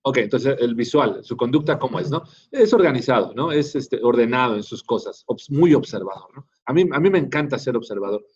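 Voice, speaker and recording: Man, teacher, conversational lecture, husky voice, muffled sound. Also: mid-range voice, lively intonation, brisk, hardly any pauses, darkish tone. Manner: conversational, tags many phrases with "¿no?". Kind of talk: classroom lecture. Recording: dull lo-fi classroom recording.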